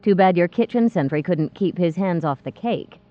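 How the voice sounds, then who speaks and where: A woman's voice: lowish voice, lively intonation, normal speed, close to an everyday voice. A woman voicing Alzina, a cruel taunting kidnapper. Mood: menacing. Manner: menacing, taunting. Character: fierce cruel woman kidnapper, big and coarse. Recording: tinny phone-like dry sound.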